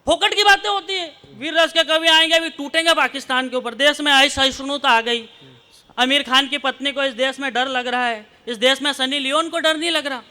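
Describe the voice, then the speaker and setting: High, bright-voiced man with a lilt. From Malwa, central India. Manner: joking banter with the audience, slow emphatic verse lines. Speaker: poet on stage. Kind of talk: comic poetry performance. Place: poetry gathering stage before a live audience.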